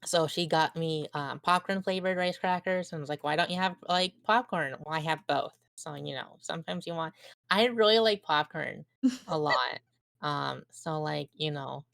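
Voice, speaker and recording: A woman's voice: low voice, moderate pace, gravelly, a bit bright, no room sound. A young woman chatting casually and rambling, full of likes and ums. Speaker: streamer guest. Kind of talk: casual chat.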